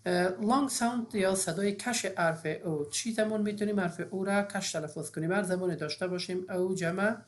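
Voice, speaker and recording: A woman's voice: mid-range voice, hardly any pauses. A woman, teaching an English phonics lesson step by step with frequent fillers.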